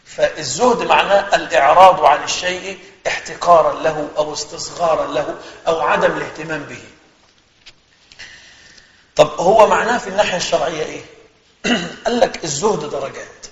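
An Egyptian sheikh gives a religious lesson in a quick, high, animated voice, chatting straight to his listeners. His speech rings through a long, echoey hall. The recording sounds slightly muffled. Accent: Egyptian Arabic. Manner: conversational, animated storytelling, addresses listeners directly.

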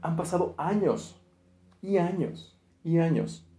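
A man's voice: a little high, slow, mellow. A man preaching a sermon, earnest, acting out quoted prayers and often restarting his words. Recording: echoey room.

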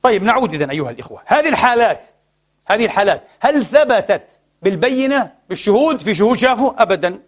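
Guy preaching a heated sermon, high voice, talks fast, sad and frustrated, calls everyone brothers. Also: very animated. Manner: impassioned, addresses listeners as brothers, swings between soft and loud. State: saddened and frustrated. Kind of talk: Friday sermon.

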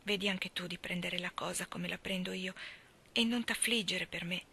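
A woman voicing a frail, gentle young woman who is ill and resigned, speaking softly in a hushed half-whisper. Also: medium pitch, unhurried, vocal fry, slight background noise.

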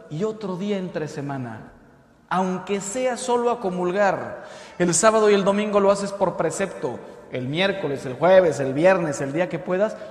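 Mexican priest preaching in an echoey hall. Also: male voice, on the high side. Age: 50s. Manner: lively, conversational preaching with acted-out jokes. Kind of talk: sermon.

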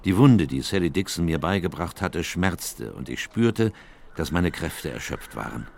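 An actor playing an earnest, troubled doctor who narrates a radio drama in a measured, reflective way. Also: male voice, low-pitched, animated, gravelly, heavily acted. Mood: sombre reflection.

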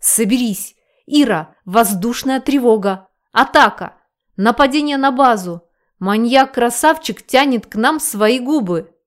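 A woman reading an audiobook, voicing a bossy, hysterical female friend who yells and teases. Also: expressive, a little slow. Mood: alarmed yelling. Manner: shrill, yelling. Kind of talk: audiobook character voice.

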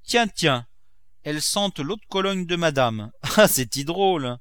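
Male reader doing a loyal old countrywoman cook, blunt and rustic, raised pitch, bright tone. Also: lively intonation, a little slow, smooth, no room sound, studio quality. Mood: marveling. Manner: rustic, bold and familiar. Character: blunt elderly woman servant, loyal and stubborn.

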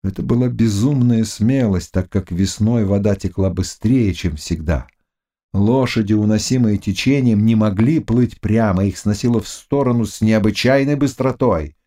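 A male audiobook narrator reading a classic novel in an expressive, dramatic way. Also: fairly low pitch, moderate pace.

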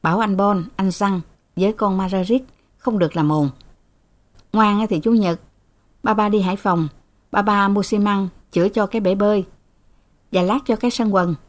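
A woman's voice: fairly high pitch, brisk, a little mellow, pitched above the performer's own voice, lightly acted. A woman doing a cranky drowsy father. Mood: coaxing. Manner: scolding, curt. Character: irritable sleepy wealthy father.

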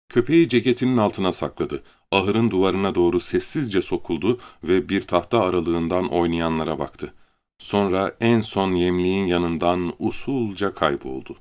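A man narrating an audiobook in a measured, steady reading manner. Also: sits low. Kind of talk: scripted narration.

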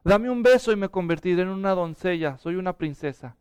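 A man's voice: high voice, lively intonation, a little fast, darkish tone, clean tone, dry recording, clean studio sound. A man voicing a pushy talking female frog who claims she is an enchanted princess, insistent and calling out.

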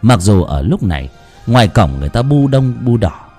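A man narrating a ghost story in a dramatic, lively way. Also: fairly low pitch, normal speed, husky, soft background music.

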